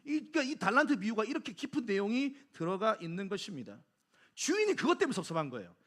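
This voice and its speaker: A man's voice: sits high, big pitch swings, fast talker. A middle-aged man preaching a Sunday sermon as pastor, asking the congregation questions and answering them himself.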